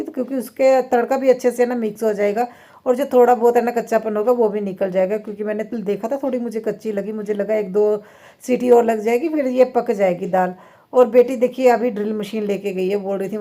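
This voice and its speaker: A woman's voice: mid-range voice, mellow. A woman homemaker chatting casually through a vlog in her home kitchen, talking on at length, laughing often and leaning on filler tags. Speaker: homemaker vlogger. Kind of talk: casual vlog chat while doing chores.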